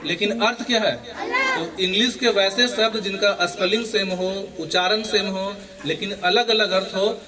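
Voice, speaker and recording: Brief: male assembly teacher, higher register, quiz-style delivery over a murmuring schoolyard crowd. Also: big pitch swings, normal speed. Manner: quizzing students, repeating questions for chorus answers. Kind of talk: morning assembly lesson. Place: school assembly with students around. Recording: children's crowd audible behind.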